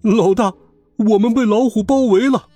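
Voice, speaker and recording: A man voicing a fat, cowardly henchman who stammers in a high, fearful voice. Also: normal speed, mellow, slightly rough, no room sound, faint music behind. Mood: terrified.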